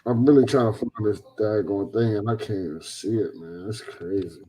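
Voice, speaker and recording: A man's voice: fairly low pitch, moderate pace, mellow, breathy edge, poor audio. Casual man chatting on a call. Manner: casual, hesitant, lots of fillers. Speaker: congregation member. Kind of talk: casual chat on a group call.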